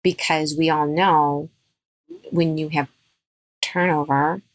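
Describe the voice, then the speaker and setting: A woman dentist guesting on a podcast interview takes it slowly, her somewhat low voice fairly even in intonation as she gives emphatic advice. There's no room echo, and the sound is dry and close.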